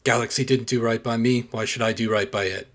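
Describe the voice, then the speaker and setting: A man's voice: mid-range voice, steady tone, brisk, a bit bright, natural voice. A man voicing a curt, aging male clone mercenary with a put-on New Zealand accent. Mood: bitter. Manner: terse clipped sentences.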